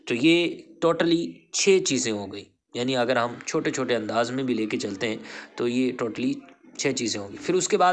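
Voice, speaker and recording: A patient male teacher in a recorded online lesson, voice at an ordinary middle pitch. He spells out letter sounds slowly, one at a time, and keeps cheering the learner on to practise. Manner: encouraging, praises the learner. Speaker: Quran reading teacher.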